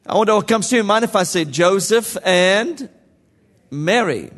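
A man preaches in a high, bright voice, teasing the congregation and checking in on them. His voice rings with a long echo through a large church. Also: moderate pace. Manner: lively, joking, calls to the congregation. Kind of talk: sermon.

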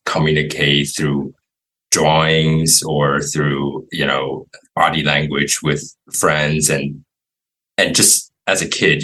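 A man from Taiwan, a guest in a casual interview, telling his story in a relaxed, rambling way with many fillers. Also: rumbling low, husky, poor audio.

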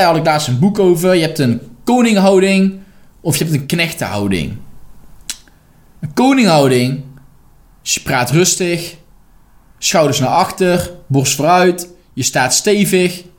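A man's voice: a little high, very animated, measured pace, pauses often. A man who works as a life coach, giving a direct, emphatic motivational podcast monologue and now and then swearing bluntly.

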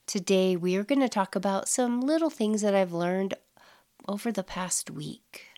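Allergies leave this middle-aged podcast host sounding nasal as she runs her casual solo show at medium pitch and normal speed. She's upbeat and effusive, with breathy little asides.

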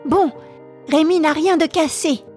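A woman voicing an eager, loyal young boy who talks in an excited, reassuring way. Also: sits high, a little slow, soft background music, voice pushed up.

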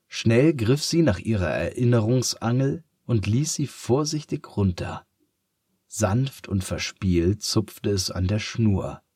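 A man narrating a children's story in a calm, measured reading voice. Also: fairly low pitch, slightly rough, dry recording, studio quality.

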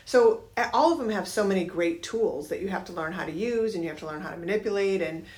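A woman's voice: medium pitch, quick pace, a little mellow. A middle-aged woman with a nasal voice co-hosting a business podcast, who keeps the talk on track and affirms her partner. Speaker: podcast co-host, realtor. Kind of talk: casual chat.

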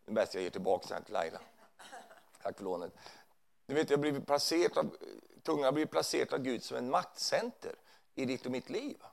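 A man's voice: medium pitch, lively intonation, vocal fry. A man preaching in a church hall, conversational, often checking in with his listeners. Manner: conversational preaching with frequent tag questions. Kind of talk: sermon.

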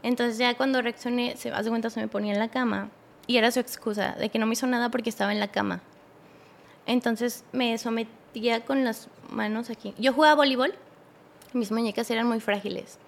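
Young Mexican woman, podcast guest, raspy-edged voice on the high side, halting, casual storyteller. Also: steady tone. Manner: halting, with many restarts and acted-out quotes.

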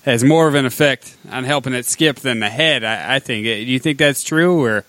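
A man's voice: mid-range voice, moderate pace, fairly bright tone, no room sound. A man from Wisconsin co-hosting a fishing show, casually chatting and asking questions. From Wisconsin, United States.

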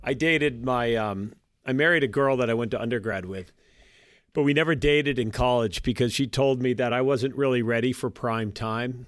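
A man in his fifties, a guest on a podcast, telling his story in a halting, self-deprecating way with many restarts. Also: mid-range voice, fairly bright tone, dry recording. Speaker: guest, private equity partner. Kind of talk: casual podcast interview.

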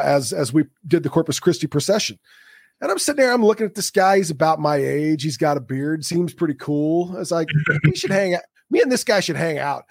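Forties male guest, animated storyteller, dry mic. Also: fairly high pitch, no room sound. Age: 40s. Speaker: podcast guest. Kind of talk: casual storytelling.

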